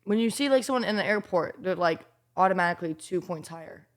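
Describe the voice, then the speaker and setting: A woman's voice: on the low side, quick pace. A young woman co-hosting a podcast in casual chat, blunt and profane, getting over strep throat. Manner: blunt, profane, animated storytelling. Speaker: podcast co-host.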